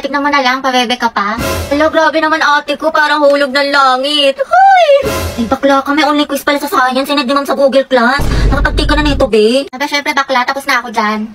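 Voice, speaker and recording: A young woman tears through comedy sketches in a quick, teasing, bickering way. Her voice sits high and the talk races along. Music plays under her lines. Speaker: comedy skit performer. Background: background music.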